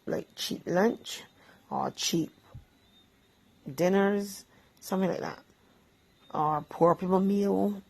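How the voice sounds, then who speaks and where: A woman's voice: medium pitch, slow, creaky, long pauses, slightly rough, low-quality recording. A woman with a Barbadian accent, chatting casually about a simple breakfast dish while she eats it. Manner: chatty, easygoing, talks between bites. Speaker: vlog host. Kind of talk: casual cooking chat while eating.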